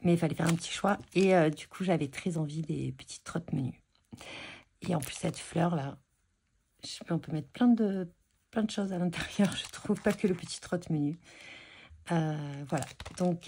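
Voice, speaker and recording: Chatty low-voiced woman, mellow tone. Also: moderate pace, slight background noise. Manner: chatty and hesitant, many fillers and restarts. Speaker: scrapbooking vlogger showing purchases. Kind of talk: casual show-and-tell chat.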